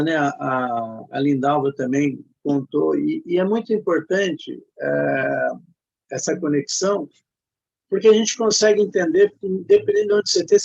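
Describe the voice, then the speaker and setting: Brief: male Brazilian host, raspy and somewhat high, halting and encouraging, muffled recording. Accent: Brazilian Portuguese. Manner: hesitant, repeats fillers, encouraging. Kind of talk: casual online chat. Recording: muffled lo-fi audio.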